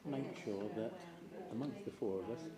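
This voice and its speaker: A man's voice: mid-range voice, moderate pace. A man in his eighties from a church pastoral team, talking in a chatty, rambling way and laughing often. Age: 80s. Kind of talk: casual panel conversation. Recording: roomy church with crowd noise.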